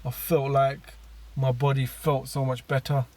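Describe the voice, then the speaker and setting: A man's voice: medium pitch, level tone, a little slow, darkish tone. A man telling his personal story in a casual monologue, rambling with many fillers and restarts.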